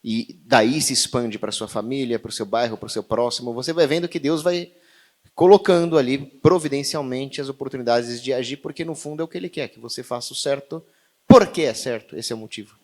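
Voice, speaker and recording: A Brazilian man talks in a measured, earnest way in a mid-range voice. His talk is reflective. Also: mid-range voice, a little mellow. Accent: Brazilian Portuguese. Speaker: event speaker.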